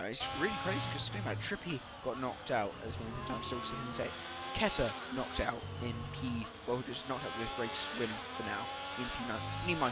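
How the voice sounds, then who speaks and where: A man's voice: medium pitch, background noise. A man doing live commentary on an online racing league, talking hesitantly with many fillers, saying he is losing his voice.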